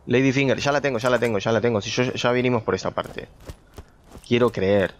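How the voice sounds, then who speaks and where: A man's voice: mid-range voice, brisk. Young man, gameplay commentary, chatty, talks to viewers, faint noise. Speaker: gameplay streamer.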